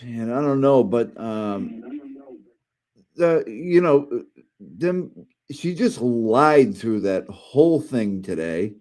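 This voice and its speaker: A man's voice: medium pitch, expressive, takes it slowly, darkish tone. A man hosting a live stream, talking casually with lots of fillers and swearing. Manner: rambling, profane, many fillers. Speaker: streamer host reacting to a live audio room.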